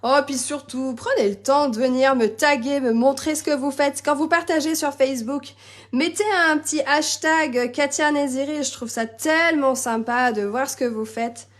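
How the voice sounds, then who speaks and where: A woman's voice: sits high, normal speed. A woman hosting a live crafting tutorial, chatty and bubbly, answering viewer comments as she works. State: slightly losing her voice, coughing. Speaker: crafting demonstrator and live-stream host.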